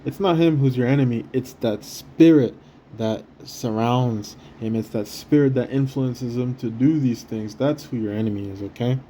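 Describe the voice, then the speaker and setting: A man preaching quietly from a hotel room in a rambling, profane, stammering way, full of restarts. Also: medium pitch, a little hiss or hum. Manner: deliberately speaking quietly. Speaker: street preacher. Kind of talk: casual preaching monologue.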